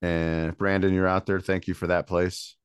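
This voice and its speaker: Guest musician, male, from Michigan, low voice, relaxed and laughing, dry sound. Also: moderate pace, smooth, dry recording. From Michigan, USA. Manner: easygoing, laughs often. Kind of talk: casual interview chat.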